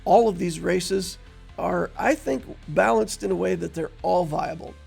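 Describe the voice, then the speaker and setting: A man with a rather high voice and a heavy gravelly fry, sounding husky as he talks. He walks through a tabletop character build in a relaxed, chatty manner, pausing on fillers as he goes. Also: faint music behind. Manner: relaxed and conversational with frequent fillers. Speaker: tabletop game build creator. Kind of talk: casual explanatory walkthrough.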